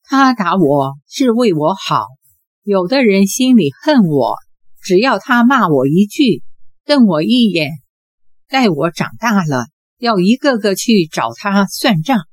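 A woman's voice: mid-range voice, big pitch swings, a little slow, slightly rough, no echo. Woman reading as a cheeky teenage boy. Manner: playful, wheedling. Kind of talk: audiobook character voice.

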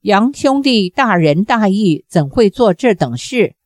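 A woman's voice: medium pitch, very animated, unhurried, a little mellow, no echo, studio quality. A woman reading out the lines of an earnest, worried middle-aged male fighter who speaks urgently. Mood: anxious.

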